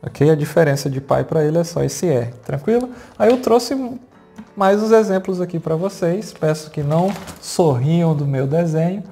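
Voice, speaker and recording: A teacher with a Brazilian accent explains grammar at a whiteboard. They talk patiently, check in often with the class and spell out the key words slowly. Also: medium pitch, expressive, dark tone, soft background music. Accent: Brazilian Portuguese. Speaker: English teacher.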